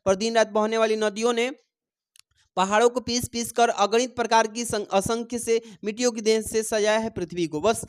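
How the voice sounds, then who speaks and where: A man's voice: high voice, fairly even intonation, moderate pace, clean tone. A male teacher giving an exam-prep lesson, reading lines of verse aloud and encouraging his students, whom he calls "babu" and "dear children".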